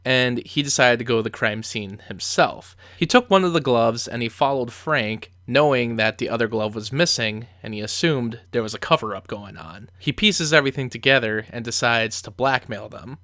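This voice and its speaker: A man's voice: medium pitch, normal speed, few pauses, sharp tone, no room sound, clean studio sound. A man giving conversational film commentary as a reviewer, telling the story with emphatic asides.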